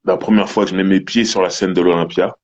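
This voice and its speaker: Deep husky laid-back man. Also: quick pace, highs cut off. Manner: relaxed, anecdotal, laid-back. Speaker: podcast co-host. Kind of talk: casual music chat.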